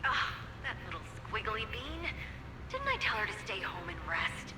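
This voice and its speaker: A woman's voice: fairly high pitch, wildly swooping pitch, moderate pace, reverberant, background noise. A woman playing a tender, worried mother and researcher in a game cutscene. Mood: rueful.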